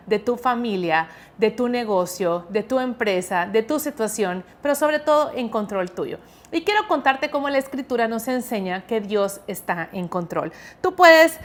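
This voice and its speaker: Young female preacher, high voice, earnest and emphatic, dramatic scripture reading.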